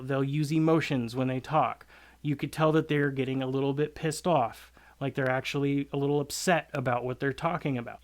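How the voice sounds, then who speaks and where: A man talking casually as a creator giving interview tips, conversational with many fillers, acting out quoted answers. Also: mid-range voice. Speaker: content creator giving hiring advice to cooks. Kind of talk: casual advice monologue.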